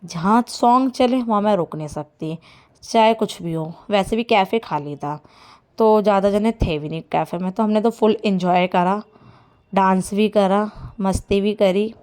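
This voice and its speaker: A young woman chatting excitedly as a vlogger, telling friends about a day out and laughing often. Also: medium pitch, normal speed. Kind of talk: casual vlog chat. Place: inside an auto-rickshaw on the road. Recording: loud road and vehicle noise.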